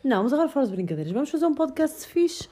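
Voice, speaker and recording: A woman's voice: high-pitched, sing-song, rapid-fire, mellow. A middle-aged woman with a European Portuguese accent, chatting casually and unscripted as a podcast co-host. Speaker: podcast co-host with her son.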